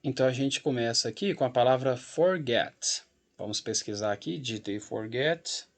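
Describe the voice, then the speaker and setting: Here a man speaks in a mid-range voice at a normal speed, carrying a Brazilian Portuguese accent. He patiently explains English grammar in a recorded lesson, going through a website on screen and regularly checking in with his class.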